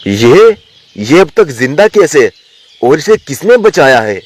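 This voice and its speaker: A man voicing a scheming, treacherous male lion in an animated story. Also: fairly high pitch, takes it slowly, exaggerated voice. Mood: shocked.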